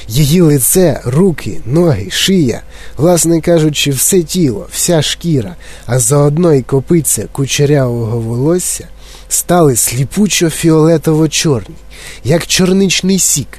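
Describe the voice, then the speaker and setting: A man narrating a children's story as an audiobook in a lively, expressive way. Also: a little high, a little slow, breathy edge, no room sound.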